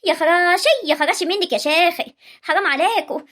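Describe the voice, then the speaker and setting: Exasperated, high, fast-scolding Egyptian village mother, as a woman puts her on; amateur drama role. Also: a bit bright.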